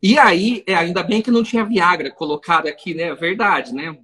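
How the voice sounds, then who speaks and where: A man, a defense lawyer co-hosting a podcast, telling an anecdote in a casual, animated way. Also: high-pitched, fairly quick, breathy edge, rough recording. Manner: animated storyteller, laughs along.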